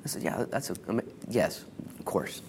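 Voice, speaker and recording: An American man preaching an informal sermon as a pastor, exhorting in casual, slangy language and shifting between hushed and emphatic delivery. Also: lowish voice, normal speed, a little hiss or hum. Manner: casual, colloquial, exhorting, with slangy asides and acted-out quotes.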